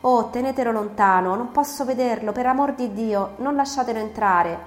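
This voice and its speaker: A woman's voice: on the low side, fairly even intonation, normal speed, mellow, close to an everyday voice. A woman voicing an anguished young man, a feverish prisoner, crying out in an audiobook reading. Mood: terrified. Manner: cries out in terror and sudden joy. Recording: roomy recording, faint music.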